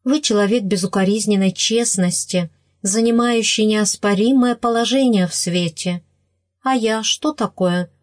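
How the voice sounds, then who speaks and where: A woman's voice: mid-range voice, a little slow, no echo, clean studio sound, close to an everyday voice. A woman voicing a sorrowful, wronged young woman.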